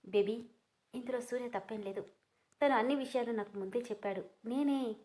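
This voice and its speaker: A woman voicing an apologetic older father in a storybook reading, gently soothing his daughter. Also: on the high side, a little fast, close to an everyday voice.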